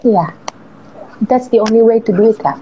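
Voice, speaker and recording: A woman telling a heartfelt personal story as an interview guest, earnest and slowing on key words. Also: fairly high pitch, crowd noise. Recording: muffled lo-fi audio with faint hiss.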